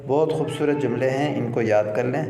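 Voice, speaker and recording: A male Arabic teacher. He reads phrases slowly and deliberately, then explains them quickly in Urdu. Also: mid-range voice. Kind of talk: bilingual language lesson. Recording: echoey room with long reverb.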